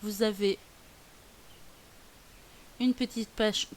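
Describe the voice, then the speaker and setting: A woman explaining a software tutorial as a teacher, chatty and hesitant with many fillers. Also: medium pitch, fairly even intonation, drawn-out words. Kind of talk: screen-recorded tutorial. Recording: faint hiss.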